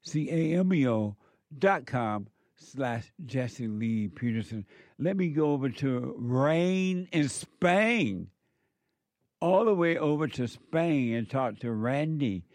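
A man speaking as a smooth radio call-in host, unhurried and repeating his plugs between calls. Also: medium pitch, expressive, darkish tone, no room sound.

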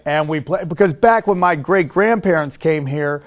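Speaking at a normal speed in a fairly high voice, a middle-aged man chats casually as a guest in an interview. He is a comedian who tells things emphatically, repeating himself for effect.

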